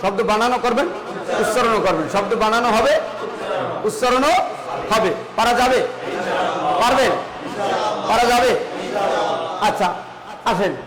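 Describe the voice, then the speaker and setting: A man's voice: very high voice, normal speed, long pauses, roomy sound, a crowd in the background, rough recording. A male teacher drilling a class on reading the Quran, asking the same questions again and again in a chanting, call-and-response way. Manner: drills with repeated questions, sing-song chanting.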